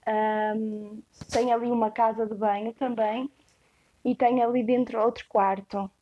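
Giving a relaxed walkthrough of a rustic stone farmhouse, a young adult tour guide with a European Portuguese accent hesitates often as she describes each room. She speaks in an unhurried way with a fairly high voice, and the audio sounds dull.

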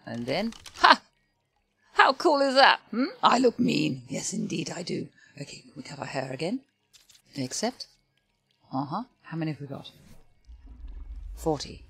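An older woman with a low, gravelly, slightly rough voice that's a bit bright hosts a casual let's-play, very animated but a little slow, with long pauses. There's no room sound, just game music behind her as she talks to her game's creatures with frequent exclamations and sighs.

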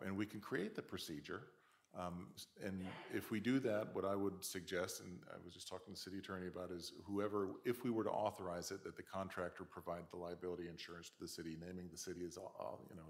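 A man serving as city manager, laying out procedures in a measured way at a council meeting. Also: sits low.

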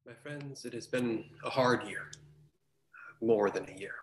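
Male pastor, gentle sermon delivery, unhurried, reverberant room. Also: medium pitch. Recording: roomy church with faint noise.

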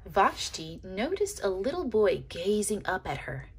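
A woman reading a children's picture book aloud expressively, with dramatic pauses, as if to young listeners. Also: medium pitch, very animated, husky.

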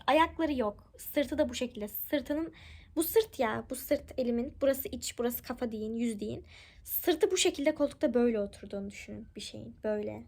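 A young woman vlogger telling a story to camera at home in a chatty, animated way, hushing her voice at the tense parts. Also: high-pitched. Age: young adult. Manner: animated, chatty, drops to a hush at tense moments. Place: home living room.

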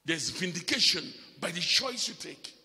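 A man preaching a live church sermon as bishop, swinging between loud emphatic calls and quiet asides. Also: high-pitched, lively intonation, moderate pace, long reverb tail.

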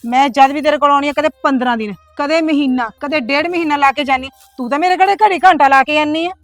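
A woman's voice: high-pitched, no room sound, soft background music, natural voice. A middle-aged woman playing an aggrieved younger sister who rattles off complaints in a village family drama. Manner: complaining, rapid-fire grievances.

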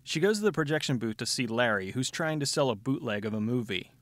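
A man's voice: medium pitch, lively intonation, quick pace, a bit bright, a little hiss or hum. A man giving a sardonic, scripted comedic movie recap as a show host, with dry wit. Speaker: film review show host. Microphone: close studio voice-over mic.

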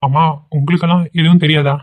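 A performer voicing a gentle, anxious young husband in a cartoon, asking questions and reassuring his wife. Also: mid-range voice, steady tone, quick pace, close to an everyday voice. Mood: worried. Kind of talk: cartoon voice acting. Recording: tinny phone-like sound.

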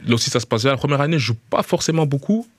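Speaking rapidly in a Liège Belgian French accent, a footballer guest chats casually in a small radio studio, repeating words as he hunts for them and saying "tu vois." His voice is medium-pitched with lively intonation. The sound, from a studio mic with headphones, is dry and clean.

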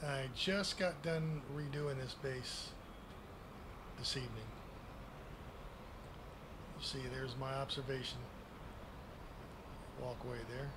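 A man's voice: medium pitch, fairly even intonation, slow, long pauses. Folksy grandpa type guy in his 60s, takes his time talking, casual game tour, noticeable background noise. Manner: grandpa-like, folksy, plain-spoken. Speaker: gaming video creator giving a base tour. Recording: clearly noisy home recording.

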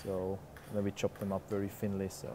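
A man's voice: low voice, a little fast, background noise. Chef explaining a dish as he cooks. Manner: relaxed, explanatory, frequent "uh" fillers. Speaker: head chef. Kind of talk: explaining a dish while cooking. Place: large restaurant kitchen. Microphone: lapel.

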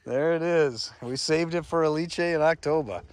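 A man's voice: a little high, moderate pace. A man hosting an outdoor vlog from behind the camera, hyping things up like a showman and addressing viewers as folks. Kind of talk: excited outdoor vlog commentary. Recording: noisy outdoor camera audio, wind and ambience.

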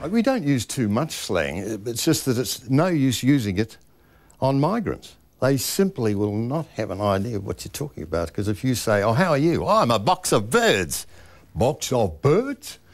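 A man's voice: medium pitch, sing-song, normal speed, darkish tone, dry recording. A man, working as a voice coach, explaining speech habits in an interview and demonstrating pronunciation precisely.

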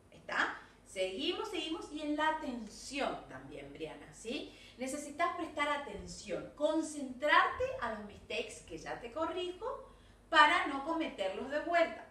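High, lively Argentine woman teacher. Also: reverberant, recorded from a distance. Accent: Argentine Spanish. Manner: switches between Spanish and English, coaxing with constant "¿sí?" and "¿ok?". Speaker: English teacher. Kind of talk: recorded class feedback to young pupils.

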